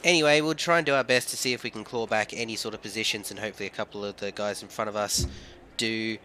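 A young man from England, husky and nasal from a cold, chatting casually as he plays and commentates a rally game. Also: lowish voice, steady tone, fast, slight background noise. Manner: chatty, bursts into loud exclamations. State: has a cold. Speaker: gaming video host.

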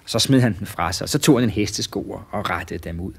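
A man narrating a children's story in a relaxed, lively way with small hesitations. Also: lowish voice, vocal fry, slightly rough.

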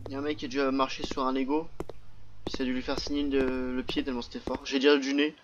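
A man's voice: medium pitch, fast talker, background noise. A young man commenting on a horror game he is playing, joking around and yelping when startled. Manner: jokey, excitable, yelps at scares. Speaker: gaming YouTuber. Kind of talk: let's play commentary. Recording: muffled lo-fi mic with game music.

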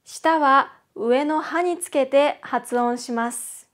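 Slow, high-voiced woman teaching. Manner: slow, carefully enunciated drilling of syllables. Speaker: Japanese language teacher. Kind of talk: scripted beginner lesson.

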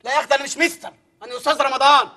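A man's voice: very high-pitched, steady tone, rapid-fire, a little hiss or hum. An actor playing a stern, fussy Egyptian village schoolteacher who scolds his class in a comic drama. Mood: bossy. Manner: scolding, shouting orders, comic outrage. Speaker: strict village teacher.

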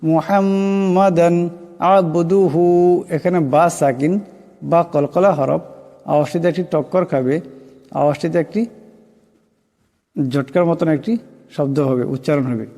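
A man with a Bangladeshi accent teaching Quran pronunciation, chanting the Arabic slowly and melodically, then explaining quickly. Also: fairly high pitch, mellow, long reverb tail.

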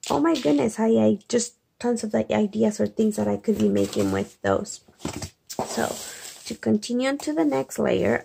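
A woman quietly gushing as she unboxes craft supplies in a late-night video, keeping her voice hushed with bursts of excitement. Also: on the high side, creaky, a little hiss or hum. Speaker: craft vlogger. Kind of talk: soft-spoken unboxing chat. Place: home at night.

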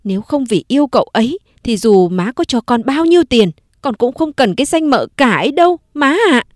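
A woman's voice: a little high, expressive, normal speed, darkish tone, dry recording, clean studio sound, close to an everyday voice. A woman narrator voicing a proud, wronged young wife who speaks firmly and bitterly. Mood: defiant. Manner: bitter, firm and pleading.

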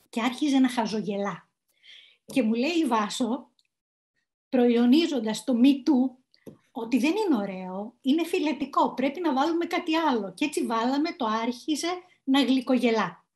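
A woman's voice: a little high, a little mellow. A woman children's author telling anecdotes about her book, chatty with small hesitations.

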